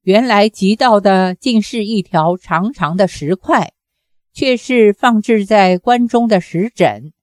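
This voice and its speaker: Woman reading a martial arts novel out loud, slow and steady, dry close sound. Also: mid-range voice, dry recording. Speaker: narrator.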